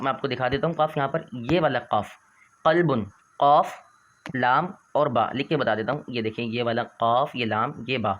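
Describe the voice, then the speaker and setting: A man's voice: medium pitch, fairly bright tone, dull audio. A man teaching an online Quran reading lesson, patiently explaining and repeating letter sounds in an earnest, exhorting manner.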